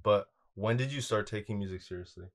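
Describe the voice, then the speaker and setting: A man's voice: on the low side, a little fast. A young man hosting an interview show, welcoming and affirming his guest in an upbeat way with plenty of "yeah" and "you know". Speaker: podcast host. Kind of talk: casual interview.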